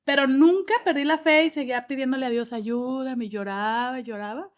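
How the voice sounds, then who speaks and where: A woman's voice: high-pitched, dry recording. A woman telling an emotional personal testimony in a casual group. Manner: emotional, quick repetitive telling. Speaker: guest sharing a testimony.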